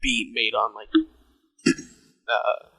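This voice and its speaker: Teen guy, podcast co-host, slow and halting, very bright tense tone. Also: on the low side, level tone, vocal fry, husky, poor audio. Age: late teens. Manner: halting, searches for words, swears casually. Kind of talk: casual chat.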